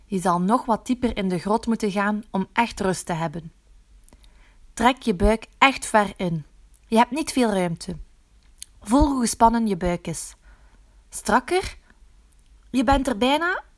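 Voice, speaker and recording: A woman narrates a guided muscle relaxation exercise in a soothing, instructive way, gently coaxing the listener along. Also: medium pitch, a little slow.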